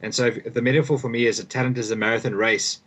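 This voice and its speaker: With a medium pitch, little pitch movement and a quick pace, a young South African man speaks in a fairly bright, slightly rough voice. He is a guest author and performance coach giving thoughtful, conversational answers, often repeating words as he restarts his sentences.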